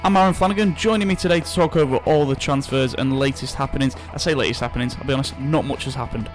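Fast-talking male podcast host. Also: medium pitch, soft background music. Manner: chatty, many restarts. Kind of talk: casual football chat.

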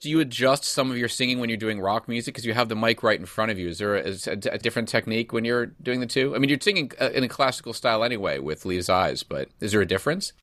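A man's voice: medium pitch, lively intonation, fast, hardly any pauses, fairly bright tone, no echo, studio quality. A man hosting a casual interview, rambling through his questions with many restarts. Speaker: interview host.

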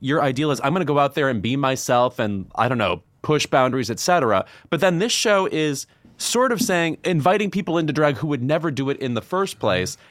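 A man's voice: on the high side, animated, brisk, fairly bright tone, dry recording. Chatty man, dry close sound. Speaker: podcast host. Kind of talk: casual, chatty interviewing.

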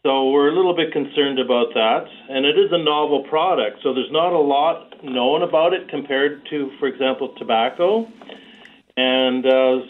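A man on a distant speakerphone, speaking as a health charity representative in a radio phone interview, measured and hesitant with fillers. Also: medium pitch. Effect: distant speakerphone sound. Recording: distant tinny speakerphone line.

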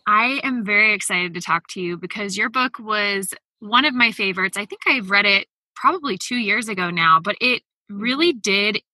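A woman's voice: mid-range voice, moderate pace, hardly any pauses, pushed and bright, dry recording. A woman hosting a podcast, reading her intro and then interviewing a guest with earnest enthusiasm. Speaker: podcast host.

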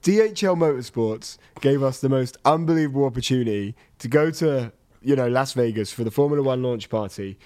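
A man's voice: mid-range voice, fairly quick, darkish tone. A man hosting a podcast in a casual, chatty style. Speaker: podcast host. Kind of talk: casual chat.

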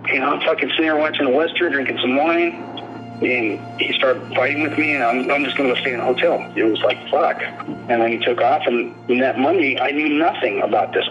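A man's voice: mid-range voice, a little fast, fairly bright tone, lo-fi sound, faint music behind. A middle-aged father being interviewed, talking in a rambling, profane, emphatic way.

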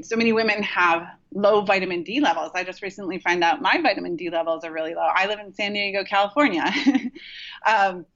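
A woman's voice: fairly low pitch, a bit bright, highs cut off. A woman acupuncturist talking casually as a podcast guest, rambling with many fillers and restarts. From Rochester, New York.

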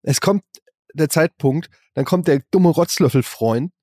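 A man's voice: on the high side, a little slow, mellow, no echo, clean studio sound. A man in his forties, a podcast co-host, chatting casually in a crude, ranting way and acting out the voices he quotes. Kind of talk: casual chat.

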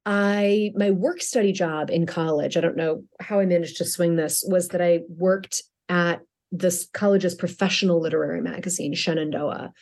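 A middle-aged woman author with a lowish, slightly mellow voice answers interview questions chattily. She often restarts her sentences and laughs lightly.

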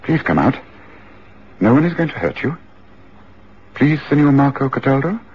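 A man plays a calm, commanding detective in a radio drama, measured and gently reassuring. His voice moves up and down in pitch a lot. The sound is muffled, with faint hiss behind it. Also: natural voice. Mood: soothing.

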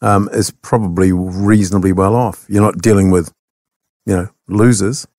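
New zealand man, radio co-host, low voice, dry close sound, blunt and argumentative. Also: fairly even intonation, moderate pace, a little mellow, dry recording. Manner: blunt, argumentative, plain-spoken. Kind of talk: talkback radio chat.

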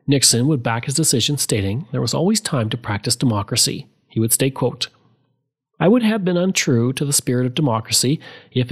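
A man's voice: medium pitch, husky. A man reading a scripted history narration as a host.

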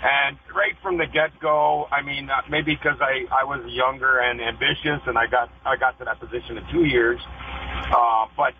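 A man's voice: mid-range voice, fairly even intonation, moderate pace. A man calling in to a radio show over the phone, telling his story in a rambling way with many restarts. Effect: heard over the phone. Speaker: caller. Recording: tinny phone line with faint hiss.

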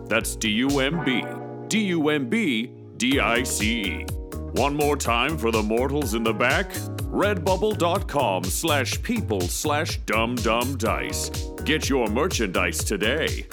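A man voicing a boastful male god of merchandising who speaks slowly and grandly and makes puns. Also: animated. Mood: grandiose. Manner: slow, grand, pun-making pitchman. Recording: music playing behind.

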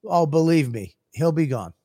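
A man's voice: a little high, animated, normal speed, warm tone, dry recording, clean studio sound. A man co-hosting a podcast in casual banter, rambling with stammered restarts and teasing his co-host.

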